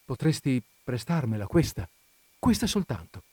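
A man's voice: medium pitch, animated, normal speed, mellow, no room sound, lightly acted. A man voicing a young wife who is anxious, hesitant and longing for luxury, in a read-aloud story. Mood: eager.

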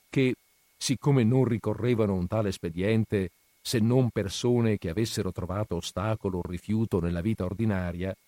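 Low-voiced man reading a classic novel. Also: dark tone, dry recording. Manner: measured, literary. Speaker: reader.

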